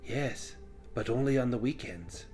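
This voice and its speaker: A man voicing a servile, sly goblinoid slave from a cave, halting and deferential in a tabletop game. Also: medium pitch, lively intonation, warm tone, soft background music, natural voice. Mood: meek, evasive.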